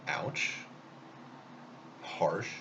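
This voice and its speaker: A man's voice: extremely slow, muffled recording, background noise. A man telling a rambling, self-mocking story in a casual vlog while eating. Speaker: vlogger.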